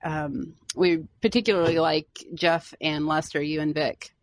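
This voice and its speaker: A woman's voice: deep voice, steady tone, measured pace, no room sound. A woman interviewing an actor in a chatty, enthusiastic way. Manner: chatty, enthusiastic fan questions. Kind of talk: casual interview chat.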